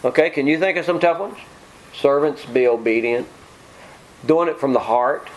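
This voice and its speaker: A man's voice: on the high side, fast talker, poor audio. A middle-aged man preaching an informal sermon, joking with his congregation. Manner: folksy, joking asides to the congregation.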